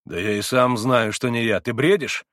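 A tormented young man with a fierce, demanding edge, as a male reader puts him on. His voice is dry and close, medium in pitch, swinging from frantic to icy. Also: expressive, moderate pace, no room sound, natural voice. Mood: agitated. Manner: shouts and demands, then turns cold.

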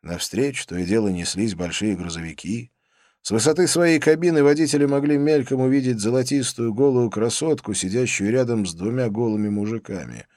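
A man's voice: mid-range voice, fairly quick, darkish tone, no echo, clean studio sound. A man narrating a first-person novel as an audiobook, reading expressively.

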